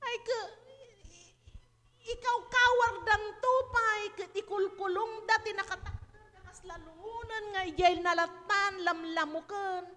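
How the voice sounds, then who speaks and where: A very high-pitched woman with an Ilocano accent preaches in a church hall, taking her time over each phrase. Her voice carries a long reverb from the room, and she slips between Ilocano and English as she builds emphasis. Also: fairly even intonation, a little slow, pushed and bright. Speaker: pastor. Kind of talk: sermon.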